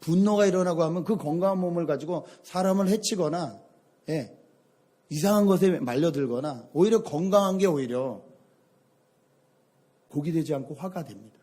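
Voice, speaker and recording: Middle-aged male pastor, mellow husky voice, storytelling sermon delivery. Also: a little high, normal speed, long pauses. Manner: storytelling, animated anecdotes.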